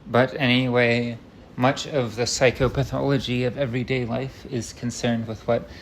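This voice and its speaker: A man's voice: mid-range voice, level tone, moderate pace, a little hiss or hum, rough recording. A man rambling through an unscripted, tangent-prone rant, stopping and restarting himself, with wry self-deprecating humor.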